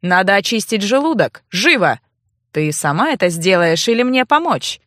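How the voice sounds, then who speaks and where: A woman reading an audiobook, voicing a stern young nobleman with a low, curt, sneering delivery. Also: sing-song, normal speed, a bit bright, no echo, clean studio sound. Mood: scornful. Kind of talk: audiobook character voice.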